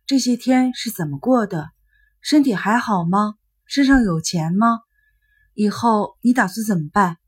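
A woman's voice: medium pitch, expressive, a little slow, husky. A woman voicing an anxious young woman pleading with her younger brother, in a storybook reading. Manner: pleading, urgent. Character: anxious young woman, worried elder sister.

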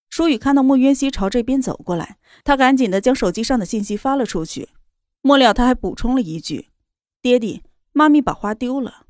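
A woman reading a romance novel aloud in a steady, even storytelling voice. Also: a little high, no room sound, clean studio sound. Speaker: narrator. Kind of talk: scripted novel narration.

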